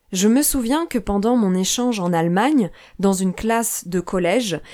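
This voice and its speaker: Young french woman doing a language podcast, slow and clear, voice a bit high. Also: warm tone. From France. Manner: slow, clear, careful delivery. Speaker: podcast host, French teacher. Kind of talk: scripted podcast narration for language learners.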